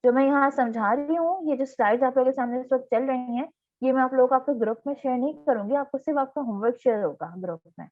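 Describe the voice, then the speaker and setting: High-voiced teacher on a tinny line. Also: female voice, dry recording. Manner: patient explaining, reading English examples slowly, frequent "theek hai" check-ins. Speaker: online English teacher. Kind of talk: online class lesson explaining grammar. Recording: tinny phone-like online class audio.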